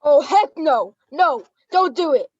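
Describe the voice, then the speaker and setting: A woman's voice: sits high, lively intonation, a little slow, a little mellow, muffled recording. A woman playing a panicky heckler who exclaims frantic warnings in a comic school stage play. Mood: alarmed. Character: loud, panicky heckler warning storybook children of danger.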